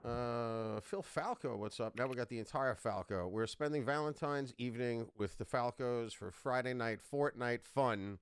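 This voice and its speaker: A man co-hosting a live stream, greeting viewers by name and giving shout-outs in an upbeat, casual way. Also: medium pitch, normal speed, few pauses, clean tone. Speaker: stream co-host.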